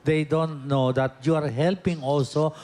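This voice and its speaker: A man's voice: a little high, fairly even intonation, a little slow, a little mellow. A man hosting a live variety show, teasing and joking with his guests in Filipino-accented speech. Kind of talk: live TV interview banter.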